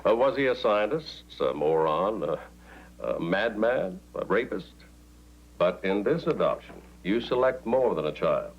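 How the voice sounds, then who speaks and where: A polished adoption broker, making his case with calm, businesslike ease. His voice is very low. The audio sounds slightly dull and lo-fi, like an old 1980s TV broadcast. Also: measured pace, slightly rough, heavily acted. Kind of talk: 1980s TV drama acting.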